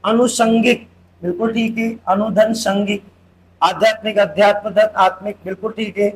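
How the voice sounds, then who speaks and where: A man's voice: high-pitched, steady tone, moderate pace, a little hiss or hum, rough recording. A man teaching a grammar lesson for exam preparation, asking questions and answering them himself, stressing the rules and repeating key words. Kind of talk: exam-prep classroom lesson.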